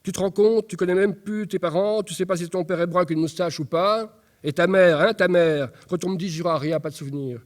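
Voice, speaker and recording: A man's voice: sits high, pitched above the performer's own voice, lightly acted. A man reading a stage monologue as an angry, distraught young mother who fires off outraged questions. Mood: outraged, agitated. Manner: raw, outraged, rapid-fire questions.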